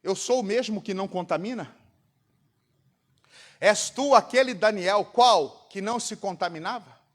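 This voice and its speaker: A Brazilian pastor preaching a sermon to a congregation, throwing out rhetorical questions for the crowd to answer. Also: male voice, high-pitched, a little slow. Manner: rhetorical call-and-response questions. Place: church congregation.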